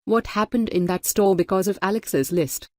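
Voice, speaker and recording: A woman narrating a novel in first person, measured and steady. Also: mid-range voice, no room sound, clean studio sound. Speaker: audiobook narrator. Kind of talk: scripted audiobook narration.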